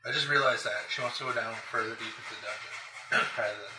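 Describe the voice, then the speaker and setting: A man's voice: mid-range voice, steady tone, quick pace. A man talking casually as a player in a tabletop game. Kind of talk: casual chat. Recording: very noisy echoey room, distant mic.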